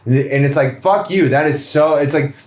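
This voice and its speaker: A young American man telling travel stories on a casual podcast, animated and swearing freely. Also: on the high side, moderate pace. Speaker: podcast co-host. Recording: echoey room.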